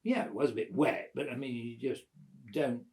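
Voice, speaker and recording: A man's voice: medium pitch, normal speed. Chuckling man in his eighties. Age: 80s. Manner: lively, chuckling storyteller who acts out quoted voices. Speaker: father telling family stories. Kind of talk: casual storytelling at a family gathering.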